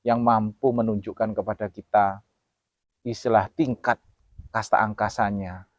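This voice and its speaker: Solemn Indonesian host. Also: male voice, on the low side, level tone, a little slow, no room sound, highs cut off. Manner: solemn, repeats pemirsa, swings loud and soft. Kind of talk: earnest presenter talk to viewers.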